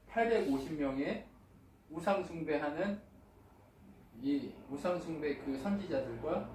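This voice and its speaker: A man's voice: on the high side, far from the mic, slight background noise. Man preaching in an echoey church hall. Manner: lively and colloquial, asks the congregation frequent questions. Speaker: pastor. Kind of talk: sermon. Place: church sanctuary.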